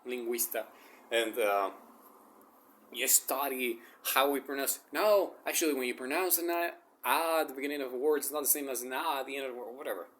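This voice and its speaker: Speaking briskly in a medium, slightly bright voice, this language teacher, whose first language is Spanish, runs a casual video lesson. He wanders off on tangents playfully and laughs at his own jokes.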